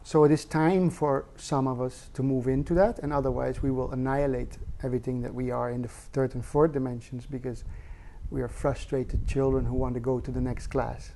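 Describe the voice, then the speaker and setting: Spiritual teacher, male, mellow gravelly voice, earnest and reflective, asks rhetorical questions. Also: mid-range voice, steady tone, brisk. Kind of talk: satsang talk.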